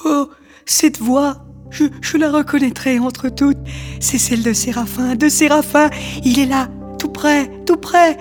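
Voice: high-pitched, fairly even intonation, in a large hall, music in the background. Someone voicing a sorrowful little paper man. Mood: longing. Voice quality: slow, soft and plaintive. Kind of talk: storybook character acting.

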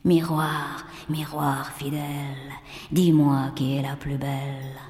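A woman voicing a vain, wicked queen in a storybook, speaking in a low, hushed whisper. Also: flat delivery, takes it slowly, in a large hall. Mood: menacing.

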